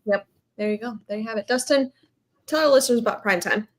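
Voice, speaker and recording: A woman co-hosting a sports podcast, brisk and joking as she hands off segments and brings on guests. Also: a little high. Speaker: podcast co-host. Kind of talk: casual podcast sports chat.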